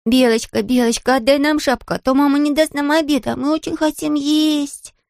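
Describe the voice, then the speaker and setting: A woman's voice: high-pitched, fairly even intonation, normal speed, creaky, a little mellow, no room sound, studio quality, voice pushed up. A woman voicing a little girl pleading in a children's storybook reading.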